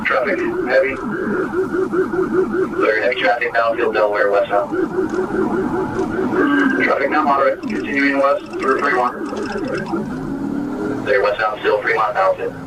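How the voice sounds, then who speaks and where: A police officer over a police radio, giving terse, clipped call-outs of streets and speeds during a pursuit. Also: male voice, mid-range voice, a little slow, pauses often. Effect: heard over a police radio. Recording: distant, very noisy radio transmission.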